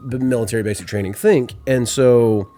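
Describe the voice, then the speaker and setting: A man in his forties from Georgia, a podcast guest telling stories in a rambling, animated way. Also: mid-range voice, a little fast, faint music behind. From Atlanta, Georgia. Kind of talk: casual storytelling.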